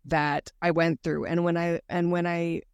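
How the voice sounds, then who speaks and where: A woman's voice: lowish voice, flat delivery, a little slow, smooth. A woman guest tells her story in an earnest, candid way during a conversational interview. Her voice sounds dry and close, with no room echo.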